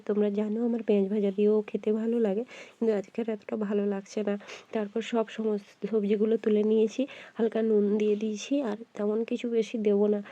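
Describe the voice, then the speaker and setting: A sick woman with a hoarse voice, quietly and tiredly narrating a casual cooking vlog from her home kitchen to viewers she treats as friends. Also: mid-range voice, no echo, lo-fi sound. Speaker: housewife vlogger.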